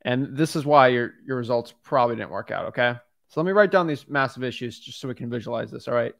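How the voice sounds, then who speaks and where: A young man in his twenties, working as a wholesaling coach, speaks bluntly and directly into a boom-arm studio mic in his home studio while coaching a student over a video call. His voice is medium-pitched, expressive and creaky, with a fairly bright tone and a quick pace.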